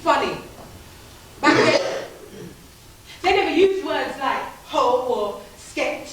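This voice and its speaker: A woman's voice: high-pitched, lively intonation, slow pace, slight background noise. An actress performing a spoken-word theatre monologue, playing a young woman haunted by abuse, bitter and defiant, in a rhythmic, rhyming delivery. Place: theatre stage. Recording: echoey hall, taped from far off.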